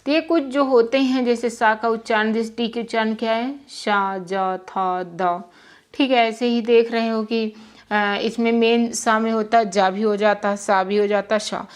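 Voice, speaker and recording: Young woman, english pronunciation teacher, fairly high voice, patient, spells out letters. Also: fairly even intonation, a little slow, smooth. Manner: patient, repeats words and spells letters aloud. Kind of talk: Hindi-language lesson explaining spelling rules.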